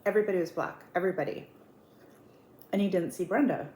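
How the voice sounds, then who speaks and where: Echoey, lower-pitched woman telling a story casually. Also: fast talker, a little mellow. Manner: dramatic retelling, acting out quoted dialogue. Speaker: online storyteller in an eat-with-me video. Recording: roomy echo with clear background noise.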